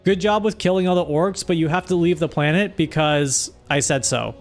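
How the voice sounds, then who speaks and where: A man voicing a bossy, high-ranking male inquisitor, casual and dismissive. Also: normal speed, faint music behind, natural voice.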